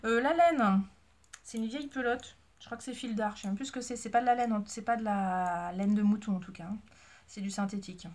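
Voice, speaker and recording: A sewing and knitting vlogger, a woman who is a mother with a child, chats casually to her viewers on camera, rambling, mocking herself, and using many fillers. Her voice is medium-pitched and darkish in tone, and she talks fairly quickly.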